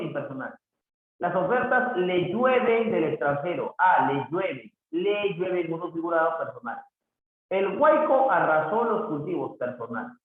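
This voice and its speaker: Brief: male teacher, animated higher voice, lesson recorded in a very echoey room. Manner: explains with examples, frequent checking questions. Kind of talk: grammar lesson. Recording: tinny phone-like audio, very echoey room.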